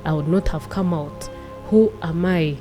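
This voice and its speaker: A woman's voice: fairly low pitch, measured pace, dark tone, soft background music. A woman in her twenties, a podcast guest, telling her personal story earnestly and repeating phrases for emphasis. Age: 20s.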